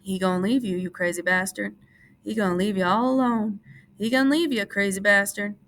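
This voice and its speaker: A woman's voice: mid-range voice, fairly even intonation, brisk, slight background noise, natural voice. A woman voicing a giant talking rabbit that taunts with scorn, in a storybook reading. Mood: taunting.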